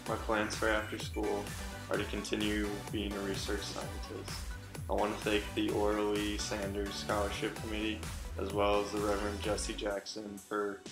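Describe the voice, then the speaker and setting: A young man gives a plain thank-you as a scholarship recipient. His voice is gravelly and extremely monotone. It echoes as if recorded in a roomy space. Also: lowish voice, moderate pace, over music. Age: young adult. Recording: roomy echo.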